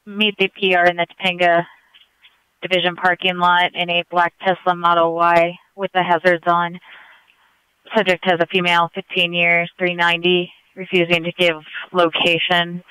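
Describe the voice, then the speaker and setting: Male police dispatcher, high and crisp, procedural call readouts over police radio. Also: completely flat delivery, moderate pace, sharp tone, no room sound, rough recording. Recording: police scanner radio transmission.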